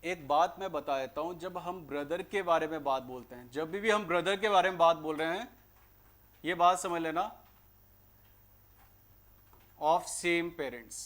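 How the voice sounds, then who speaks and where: A fairly high-voiced man with an Indian accent teaches a grammar lesson for exam preparation. He explains points conversationally, then slows right down to read English sentences word by word. He quizzes the class with questions he answers himself. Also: a bit bright. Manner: explains in Hindi, reads English sentences slowly and deliberately; asks and answers his own rhetorical questions.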